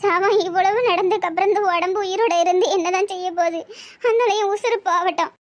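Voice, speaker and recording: A woman's voice: extremely high pitch, fairly even intonation, a little fast, dull audio. A woman doing a grieving old village grandmother with a Tirunelveli accent. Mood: lamenting. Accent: Tirunelveli Tamil. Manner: tearful, lamenting, reproachful. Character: grieving elderly village grandmother, tearful and self-blaming. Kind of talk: cartoon voice acting.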